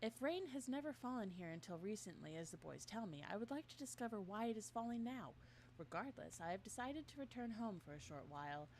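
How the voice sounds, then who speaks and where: During a casual game stream with a friend, this co-host reads an in-game journal in a playfully formal way before dissolving into laughs and chatter. Her mid-range voice is sing-song, brisk, and a little mellow, and there's a faint hiss or hum.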